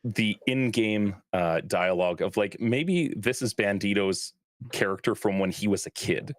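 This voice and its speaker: A man running a live-streamed tabletop game as dungeon master, talking in a relaxed way with lots of fillers and easy laughter. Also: lowish voice, measured pace, dry recording, studio quality.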